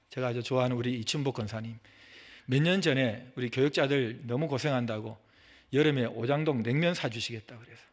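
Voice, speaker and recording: A middle-aged man preaching a sermon as senior pastor in a church, swinging from loud outbursts to soft, hushed asides and acting out the people he quotes. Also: mid-range voice. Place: church sanctuary.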